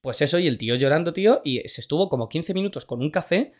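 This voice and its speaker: A man's voice: on the high side, lively intonation, fast. A young man with a Spain Spanish accent chatting casually as a podcast co-host, telling a long story full of fillers and restarts. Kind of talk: casual chat.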